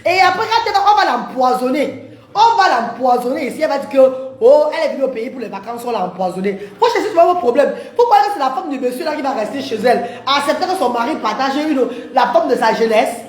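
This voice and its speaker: A woman's voice: high-pitched, lively intonation, fast talker. A woman hosting a livestream, chatting animatedly with viewers, laughing often and calling them maman and papa. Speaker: livestream host. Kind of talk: casual live chat reading comments. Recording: echoey room.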